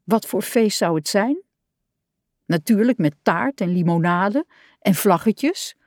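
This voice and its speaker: A woman reading a children's picture book aloud, in a gentle, expressive way. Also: medium pitch, slow pace, no echo, studio quality. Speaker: storyteller.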